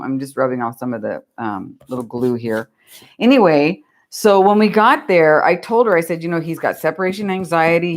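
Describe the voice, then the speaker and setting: Chatty low-voiced woman. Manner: rambling, chatty, laughs at her own stories. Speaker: craft vlogger. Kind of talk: casual storytelling while crafting.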